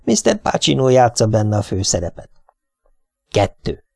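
A man's voice: on the low side, wildly swooping pitch, creaky, warm tone, no echo, clean studio sound, full character voice. A man voicing a nervous middle-aged husband who coaxes and reassures his wife, in an audiobook. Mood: coaxing. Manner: coaxing, reassuring, plain.

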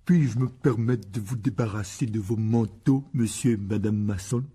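A man's voice: on the high side, normal speed, darkish tone, breathy edge, pitched above the performer's own voice. A man reading an audiobook and voicing a spoiled, chubby boy who speaks in a put-on, mannered sing-song. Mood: smug.

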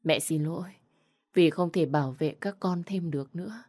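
A woman voicing a gentle, sorrowful young mother in a spoken story, talking softly and tearfully. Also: fairly low pitch, normal speed, close to an everyday voice.

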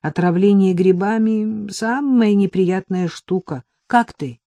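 A woman voicing a brisk, bossy young woman who talks bluntly and sardonically, in a mellow, dry-sounding audiobook read. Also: medium pitch, no echo, natural voice.

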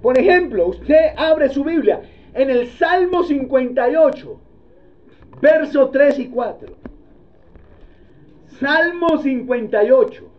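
A male pastor preaching a sermon in a church, animated and playful, often calling on the congregation to answer. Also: very high-pitched, slow, long pauses. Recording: dull lo-fi sermon recording.

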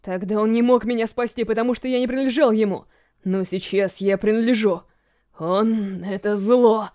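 A woman's voice: mid-range voice, steady tone, moderate pace, a little mellow, lightly acted. A woman doing a hysterical captive man. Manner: sobbing, pleading, hysterical.

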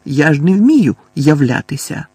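A man's voice: fairly high pitch, very animated, measured pace, mellow, breathy edge, dry recording, exaggerated voice. A male audiobook narrator voicing a frantic, cranky old woman who fusses and screeches. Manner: screeching, bossy, fussing.

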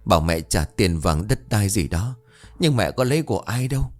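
A man's voice: fairly low pitch, expressive, moderate pace, faint music behind. A man voicing a frail, weak mother who speaks in a faint, weary way. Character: frail, weak middle-aged mother recovering from illness.

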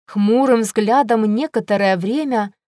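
A woman narrating a first-person fantasy audiobook in a measured storytelling manner, close to the microphone. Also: fairly high pitch, warm tone, dry recording.

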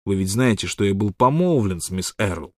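A man's voice: fairly low pitch, lively intonation, a little mellow, no echo, clean studio sound. A man reading an audiobook, voicing a hot-tempered, lovesick rich male miner who blusters and pleads. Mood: confiding. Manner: blustering, pleading, quick to rage. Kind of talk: audiobook character voice.

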